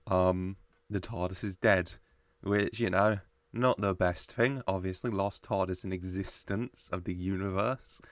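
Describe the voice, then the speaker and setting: A man's voice: deep voice, steady tone, measured pace, dry recording, clean studio sound. A man giving casual, jokey reaction commentary as a show host. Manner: jokey, chuckles often while talking.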